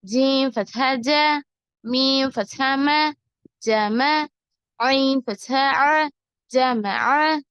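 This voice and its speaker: A woman teaching Quran reading, spelling out letters and syllables in a slow, deliberate drill. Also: high voice, a bit bright, no echo, highs cut off.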